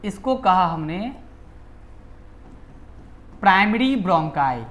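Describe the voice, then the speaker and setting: A man teaching a lecture with a voice that sits a little higher than most men's. He talks the class through step by step, repeating each term and asking questions he then answers himself. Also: sing-song, slow pace, fairly bright tone, muffled recording. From India. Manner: repeats terms, asks and answers own questions.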